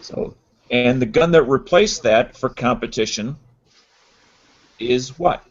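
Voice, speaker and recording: A man's voice: medium pitch, slow pace. A man in a casual group podcast chat, matter-of-fact and quizzing the others. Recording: dull lo-fi audio.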